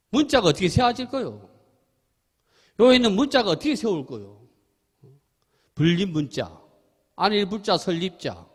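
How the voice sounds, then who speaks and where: A middle-aged Buddhist monk with a Gyeongsang accent gives a chatty dharma talk. His voice sits high for a man and swings widely up and down. The talk echoes with a long reverb through a temple hall. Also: slightly rough. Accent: Gyeongsang Korean. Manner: lively, chatty, laughs often, asks listeners questions. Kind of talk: sermon with storytelling.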